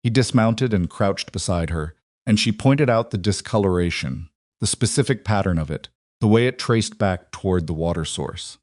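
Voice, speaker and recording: Guy narrating a western, real deep voice, dry close sound. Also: no echo. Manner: measured, even storytelling. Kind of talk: scripted audiobook narration.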